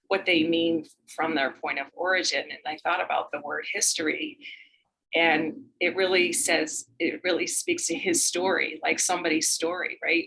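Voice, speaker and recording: A woman's voice: deep voice, vocal fry, rough recording. A woman leading an online group meditation session over a video call, talking informally and meanderingly with many fillers before guiding the practice. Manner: rambling and warm in greeting, with many fillers. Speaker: meditation guide. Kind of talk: informal spiritual talk before a guided meditation.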